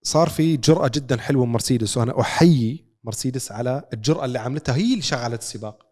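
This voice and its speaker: A man's voice: medium pitch, racing, darkish tone. A man with a Levantine Arabic accent, co-hosting a podcast with a casual sports recap, told like a story with rhetorical questions. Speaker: podcast co-host.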